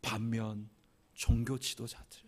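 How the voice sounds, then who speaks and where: A man preaching a Sunday sermon as senior pastor in a church, swinging from hushed whispers to loud, emphatic climaxes with rhythmic repetition. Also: mid-range voice, level tone, slow, slightly rough. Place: church sanctuary.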